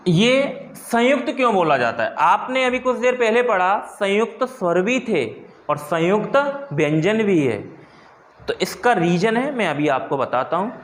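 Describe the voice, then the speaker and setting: A man's voice: high-pitched, sing-song, measured pace. A man teaching a Hindi lesson, asking the class questions and answering them himself, repeating key terms. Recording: echoey room.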